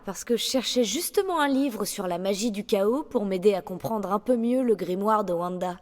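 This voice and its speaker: A woman's voice: medium pitch, natural voice. An actress playing a playful, bookish young female sorceress in a French video game dub, talking with a teasing lilt.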